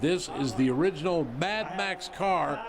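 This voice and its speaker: A man's voice: a little high, measured pace, a crowd in the background. A man hosting an auction broadcast with presenter-style commentary. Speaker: auction show host.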